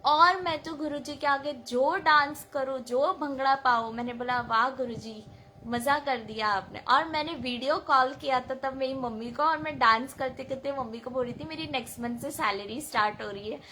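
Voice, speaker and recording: High bright woman sharing a faith story, lively, acts out what she said, bit of hiss behind. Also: moderate pace, few pauses. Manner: animated, acts out her own past words. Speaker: devotee sharing a testimony. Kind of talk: informal devotional storytelling.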